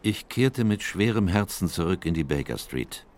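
An actor playing an earnest, troubled doctor who narrates a radio drama in a measured, reflective way. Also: male voice, deep voice, lively intonation, a little mellow. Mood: sombre reflection.

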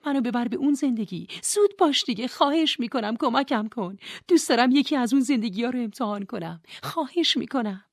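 Brief: woman voicing an urgent, pleading young heroine in an audiobook, pitched up, dry recording. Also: animated, few pauses, no room sound. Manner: urgent, pleading, high and insistent.

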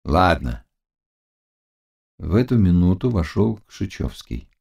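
A man reading a classic novel aloud as an audiobook narrator, in a dramatic, measured manner. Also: lowish voice, dark tone. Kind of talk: scripted literary narration.

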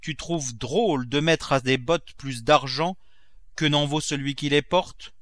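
A stingy old master of the house who gives orders curtly and brooks no argument, as a male storybook reader puts him on. The voice is bright and a bit raised, and it sounds close and dry. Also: a little high, a little slow, dry recording, pitched above the performer's own voice. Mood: lecturing. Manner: curt and commanding.

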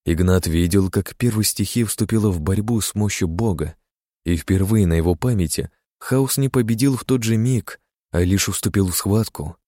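Low, dark-voiced male audiobook narrator. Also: moderate pace, dry recording, studio quality. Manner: dramatic, steady reading that voices characters' shouts. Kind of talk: scripted fantasy audiobook narration.

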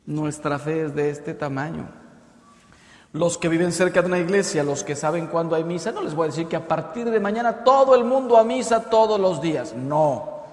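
A Mexican man in his fifties, a priest giving a lively, conversational sermon with acted-out jokes. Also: fairly high pitch, moderate pace. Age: 50s. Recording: echoey hall reverb.

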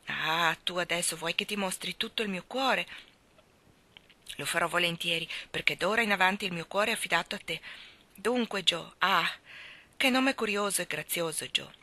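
A woman's voice: on the low side, moderate pace, pushed and bright. A woman reading as an ardent professor. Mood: tender. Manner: ardent, pleading, emphatic. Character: romantic middle-aged German male professor.

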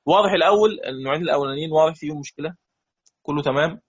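A man's voice: a little high, breathy edge. Egyptian man teaching, dull lo-fi sound. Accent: Egyptian Arabic. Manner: drills examples slowly, checks students often. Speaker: Quran recitation teacher. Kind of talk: classroom lesson.

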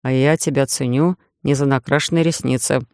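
A woman voicing a bossy, jealous young man in a romance audiobook, gruff and grumbling. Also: a bass voice, fairly even intonation, fairly quick, a little mellow, dry recording, studio quality.

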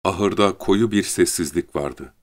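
Low-voiced man narrating an audiobook. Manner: measured, steady reading. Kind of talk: scripted narration.

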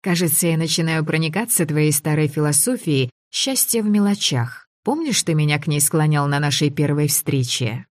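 A woman reading a first-person audiobook, expressive and lively in the dialogue. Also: low voice, normal speed, hardly any pauses, no echo, clean studio sound. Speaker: audiobook narrator.

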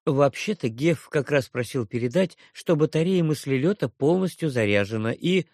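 A man reading an audiobook and voicing a gentle, caring mother in a raised, soft, fussy voice. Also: a little high, lively intonation, normal speed, no room sound, clean studio sound. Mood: fussing motherly.

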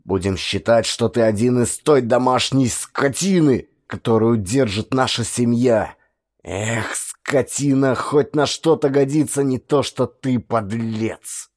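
A man doing a gruff, stern village householder. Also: medium pitch, slow, a little mellow. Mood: scornful. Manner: gruff, scornful and commanding. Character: stern proud older male village householder.

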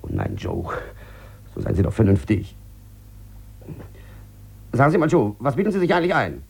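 An actor playing a desperate, sick gambler in debt, pleading and stammering on the phone in a 1950s radio play. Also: male voice, medium pitch, huge pitch swings, normal speed, gravelly, darkish tone, slightly rough, heavily acted. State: feverish. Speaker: lead character in a radio drama.

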